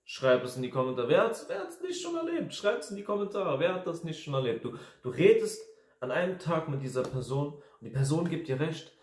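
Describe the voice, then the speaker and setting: A man's voice: a little high, animated, a little fast, a little mellow. A man in his twenties, a life coach talking casually to camera in an emphatic, repetitive ranting manner. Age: 20s. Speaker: life coach and video host. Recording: echoey room.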